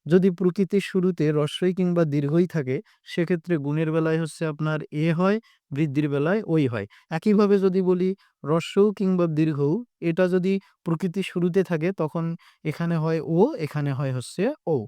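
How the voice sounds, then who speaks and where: A man's voice: on the high side, moderate pace, mellow, clean tone, no room sound. A man teaching a grammar lesson, explaining step by step and answering his own questions.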